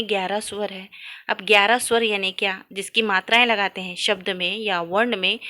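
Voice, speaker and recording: A woman's voice: a little high, bright, forceful tone. A woman teaching a grammar lesson, posing questions to her students and answering them herself, and stretching out sounds to demonstrate them. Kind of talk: classroom-style lesson.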